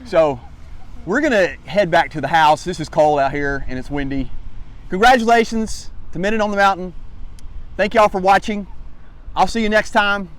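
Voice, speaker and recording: A man's voice: animated, normal speed. A man hosting a casual hiking vlog outdoors, talking in a folksy, rambling, self-effacing way. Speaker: host of a hiking channel. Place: outdoors by a lake in cold wind. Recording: noisy outdoor audio with vehicle rumble.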